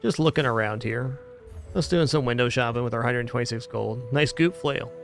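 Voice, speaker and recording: A man's voice: medium pitch, steady tone, fairly quick. A man giving casual commentary as he streams a video game. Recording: faint game music behind.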